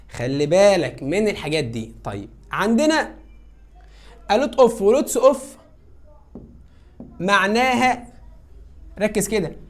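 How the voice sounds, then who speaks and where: Egyptian woman teacher, drilling a grammar lesson with coaxing repeated cues. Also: medium pitch. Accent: Egyptian Arabic. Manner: coaxing, repeats cues and answers her own questions. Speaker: English teacher.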